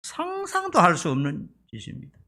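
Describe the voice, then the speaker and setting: Brief: middle-aged pastor, lively storyteller, gravelly voice that swings up and down. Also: male voice, high voice, normal speed. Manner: dramatic storytelling, acting out scenes. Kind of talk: sermon.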